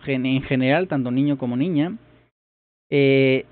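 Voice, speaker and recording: Slow, hesitant man with a tinny sound. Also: mid-range voice. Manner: hesitant, repeats phrases while puzzling them out. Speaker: vlogger learning a language. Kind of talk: casual thinking-aloud commentary.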